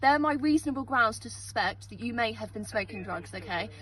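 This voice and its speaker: A woman's voice: on the high side, expressive, brisk, fairly bright tone, low-quality recording. A woman police officer, outside a car at night, explaining her grounds in a procedural way and asking to be heard. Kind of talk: roadside police stop. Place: outdoors beside a car at night.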